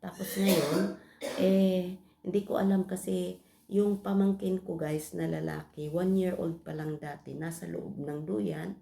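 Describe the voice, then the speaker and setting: Low, gravelly Filipina vlogger. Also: female voice, level tone, a little slow, warm tone. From Philippines. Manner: confiding, addresses viewers as guys often. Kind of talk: personal storytelling to viewers.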